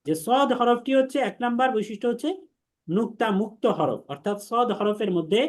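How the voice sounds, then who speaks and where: A man teaching an online class on Arabic letters, patiently repeating each letter sound slowly and leading the class in drills. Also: very high voice, animated. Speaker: Quran teacher.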